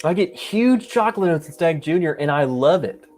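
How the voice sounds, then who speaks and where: A man's voice: fairly high pitch, lively intonation, normal speed, darkish tone. A man hosting a casual live whiskey tasting, joking and rambling as he chats with viewers. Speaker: whiskey livestream host. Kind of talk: casual livestream tasting chat.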